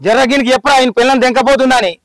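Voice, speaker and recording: A man's voice: very high-pitched, fairly even intonation, very fast, over music. A man with a Telangana accent playing an elderly village neighbor who fusses urgently and repeats himself. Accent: Telangana Telugu. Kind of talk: village comedy skit acting.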